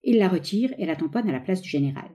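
A woman reading a play aloud, giving the stage directions in a low, even voice. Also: quick pace. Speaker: reader of a play.

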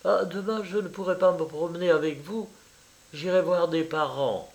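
A man's voice: fairly high pitch, normal speed, gravelly, voice pushed up, poor audio. A man reading aloud and voicing a young woman who speaks in a hesitant, slightly awkward way.

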